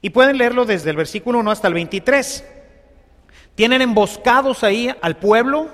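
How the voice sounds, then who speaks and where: Male preacher, high voice, chatty sermon, big hall reverb. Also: fairly bright tone. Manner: conversational, asks the congregation for agreement. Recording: long reverb of a large hall.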